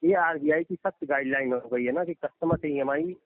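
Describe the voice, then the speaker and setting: A man's voice: a little high, fairly quick, dry recording. A bank loan officer on a phone call, insistently talking over the other man and telling him to listen. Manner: insistent, repeats 'listen to me'. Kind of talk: heated phone argument. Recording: dry, tinny phone line recording.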